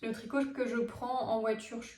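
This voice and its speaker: A woman's voice: a little high, flat delivery, moderate pace, a little mellow, distant mic. A woman hosting a knitting vlog, chatting casually with many fillers and restarts. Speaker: knitting podcast host. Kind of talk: casual show-and-tell vlog. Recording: echoey room, mic set back.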